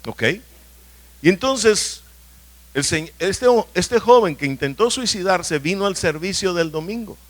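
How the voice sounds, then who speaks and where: A man's voice: high-pitched, lively intonation, measured pace, a bit bright. Emphatic preacher man. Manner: emphatic, asks the congregation questions often. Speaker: pastor. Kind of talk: sermon. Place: church hall.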